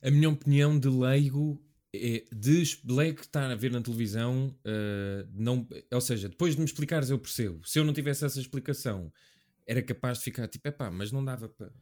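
A man's voice: mid-range voice, a little fast, warm tone. A man from Portugal chatting casually as a podcast co-host, colloquial and opinionated, often checking for agreement. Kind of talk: casual chat.

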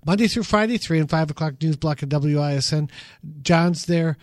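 A man's voice: a little high, moderate pace, darkish tone, dry recording. A man hosting a radio show about retirement investing, chatting loosely with plenty of fillers and self-deprecating jokes. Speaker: investment firm head, show host. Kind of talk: casual radio talk. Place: radio studio. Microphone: studio microphone.

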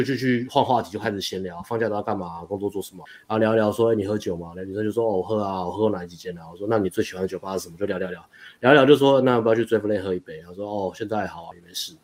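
A man's voice: fairly low pitch, fairly even intonation, darkish tone. A young man, a dating coach, telling a story in casual chat, rambling and restarting as he goes. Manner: rapid, rambling retelling with frequent restarts and laughs.

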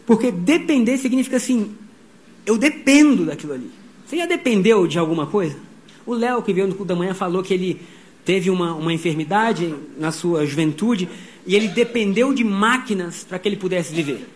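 A middle-aged pastor with a high voice delivers a sermon. He tells stories with energy and voices the people in them. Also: fairly quick. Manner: animated storytelling, voicing quotes.

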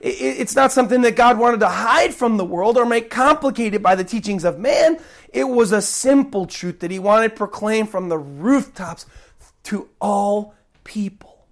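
Recovering from a cold and fighting to keep her voice, a woman preaches an emphatic sermon at a moderate pace in a mid-range voice. She repeats key points and swings between loud stresses and soft drops.

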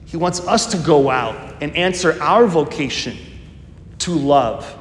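A priest in his 50s gives a church homily like he's telling a story, conversational and unhurried, in a fairly high, animated voice. The recording picks up long reverb, faint ambience, and a little hiss or hum.

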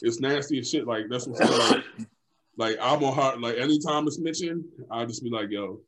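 A young man co-hosting a casual chat, telling stories in an animated, profane way, full of filler phrases. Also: mid-range voice, brisk, noisy background. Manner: animated, profane storytelling full of "like" and "you know what I'm saying".

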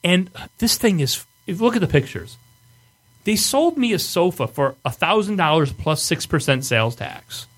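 Animated, high-pitched man with a Michigan accent. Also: moderate pace, breathy edge. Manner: profane, exasperated storyteller. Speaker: podcast host. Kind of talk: casual storytelling banter.

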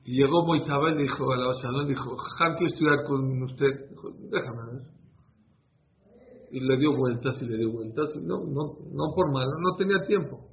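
A man's voice: mid-range voice, a little fast, creaky, few pauses. A man giving an informal religious lesson to a small group, telling stories and answering questions as he goes. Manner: conversational, storytelling, answers listeners' questions. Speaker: rabbi teaching a class. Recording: tinny phone-like sound with faint noise.

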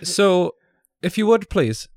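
A man voicing a polite, stern male Swedish security guard in a put-on Swedish accent, formal and measured. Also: high-pitched, big pitch swings, no echo, voice pushed up, heavily acted. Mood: polite scolding.

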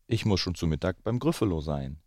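A man's voice: low-pitched, lively intonation, brisk, no room sound. Guy doing a bold little mouse, storybook voice, bouncy rhymes, dry sound. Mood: confident. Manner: brightly recited rhyming lines.

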